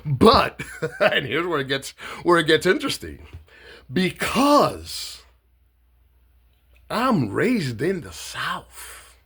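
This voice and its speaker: A man from Miami giving a blunt, mocking, swear-heavy political rant to camera, loose and halting with fillers when he explains himself. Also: on the high side, sing-song, fairly bright tone, slightly rough. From Miami, Florida. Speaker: political satire vlogger. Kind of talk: profane political rant and monologue.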